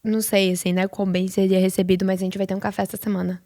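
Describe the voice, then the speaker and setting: A woman's voice: mid-range voice, little pitch movement, very fast, warm tone, no room sound, studio quality. A thirty-one-year-old Brazilian woman co-hosting a podcast, telling stories in casual, informal chat. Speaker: podcast co-host.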